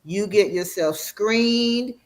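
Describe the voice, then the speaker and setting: A doctor patiently explaining. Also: female voice, medium pitch. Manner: warm, explanatory, slows for emphasis. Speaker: radiation oncologist guest. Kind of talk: educational interview.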